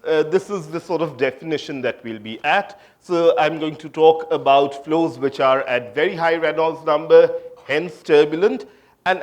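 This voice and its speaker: Hesitant man giving a physics talk. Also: on the high side. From India. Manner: hesitant, frequent fillers and restarts, sort of. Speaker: physics lecturer. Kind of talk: academic conference talk.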